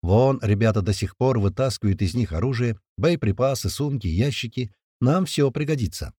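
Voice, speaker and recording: Husky man reading an audiobook. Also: medium pitch, animated, normal speed, dark tone, no room sound, clean studio sound. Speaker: audiobook narrator. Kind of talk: first-person audiobook narration.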